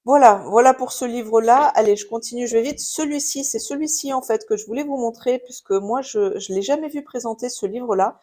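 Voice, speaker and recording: A woman's voice: on the high side, a little fast, few pauses, dark tone. A woman in her thirties with a French accent, chatting casually in a haul video at home, with many fillers and restarts. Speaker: craft YouTuber showing purchases. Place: home with a baby nearby.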